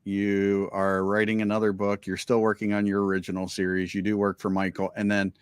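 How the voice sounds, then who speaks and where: A man's voice: fairly low pitch, fairly quick, smooth, no echo. A man co-hosting a podcast interview, asking questions and making jokes. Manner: joking, lively questioner. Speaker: podcast co-host. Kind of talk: casual interview chat.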